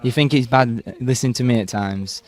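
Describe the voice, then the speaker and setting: A man's voice: medium pitch, normal speed, a little mellow. A young man with a Yorkshire accent, chatting and laughing easily in an interview. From Yorkshire, England. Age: young adult. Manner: chatty and laughing, with frequent fillers. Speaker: university student, torch relay participant. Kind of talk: casual interview chat.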